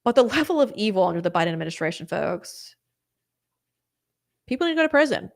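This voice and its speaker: A young woman hosting a live stream, chatting casually and rambling through viewer comments with quick apologetic asides. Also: medium pitch, big pitch swings, gravelly. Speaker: host of a political live stream.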